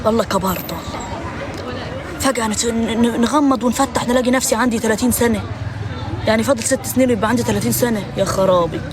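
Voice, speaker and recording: Rapid-fire young woman streaming outdoors. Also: fairly high pitch, very noisy. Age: 20s. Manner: playful, dramatic mock laments. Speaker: live-stream host. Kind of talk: casual live-stream chat. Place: outdoors in a garden with people and traffic around. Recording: outdoor recording with crowd chatter.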